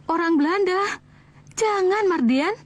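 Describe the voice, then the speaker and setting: A woman's voice: extremely high pitch, lively intonation, unhurried. An actress playing a devout middle-aged mother who insists on choosing her son's bride. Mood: insistent. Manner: insistent, scolding. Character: devout traditional mother set on matchmaking. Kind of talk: TV drama acting.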